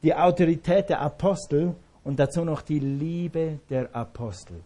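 A male pastor delivers a sermon with emphatic conviction, circling back to repeat his key phrases. His voice sits fairly high yet sounds dark and mellow. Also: normal speed.

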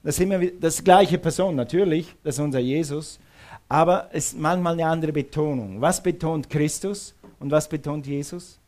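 A middle-aged male preacher with a slightly raised pitch. He speaks emphatically in sermon style. He presses his listeners with repeated questions. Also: moderate pace, darkish tone.

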